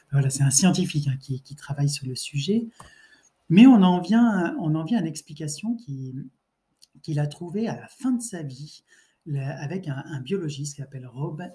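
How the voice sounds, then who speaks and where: A man's voice: on the high side, dark tone. A man giving a spoken lecture as a trainer, hesitant and often restarting his sentences.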